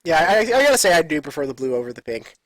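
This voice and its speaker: A man's voice: fairly high pitch, very animated, racing, no echo, poor audio. A man co-casting a live video game match, playful and joking, sometimes humming along. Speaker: co-caster. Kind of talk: casual live game commentary.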